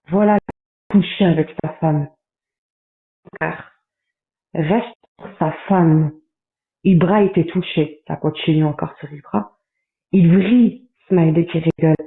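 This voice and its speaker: A man on a livestream, reading out chat messages in a running commentary with quick asides. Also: high-pitched. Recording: tinny phone-like sound in a roomy space.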